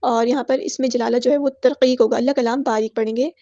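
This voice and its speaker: A woman teaching Quran recitation rules in a patient, step-by-step manner and reciting verses slowly. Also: a little high, fairly even intonation, dark tone, no room sound, highs cut off. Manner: patient, explains each rule step by step; drawn-out melodic recitation of verses. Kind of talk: tajweed lesson with slow recitation.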